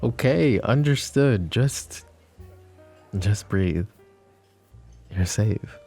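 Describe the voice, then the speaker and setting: In an intimate ASMR roleplay, a man performs a possessive, flirtatious mafia boss, using an exaggerated voice that is low, very mellow and heavy with gravelly fry. He talks very slowly with lively intonation, smooth and protective, a controlled menace beneath the teasing, while faint music plays behind him.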